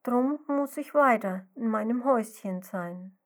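Lady doing a squeaky scared little snail girl, storybook voice, keeps saying no. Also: expressive, slow pace, exaggerated voice. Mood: sad. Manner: fearful, insistent refusals. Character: timid frightened baby snail girl.

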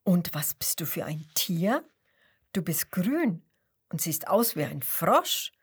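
A woman's voice: on the low side, sing-song, slow, slightly rough, heavily acted. A woman voicing a curious young squirrel from England who asks eager questions.

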